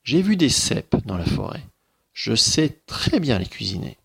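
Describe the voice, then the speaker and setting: A man's voice: medium pitch, big pitch swings, a little slow, vocal fry, fairly bright tone, husky, full character voice. A man voicing a clever, brave little girl in a children's story read aloud. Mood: eager.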